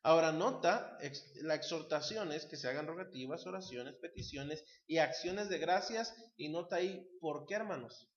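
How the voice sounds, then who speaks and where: Emphatic high-voiced preacher, roomy. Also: male voice, normal speed, hardly any pauses. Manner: emphatic, asks the congregation questions. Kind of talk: sermon. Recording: roomy, slightly dull church recording.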